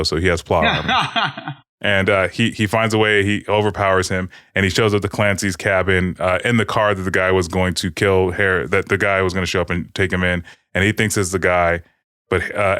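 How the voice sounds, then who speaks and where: A man's voice: sits low, fairly bright tone, no room sound, studio quality. A man co-hosting a podcast, rambling through a TV recap in casual, profane chat. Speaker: podcast co-host.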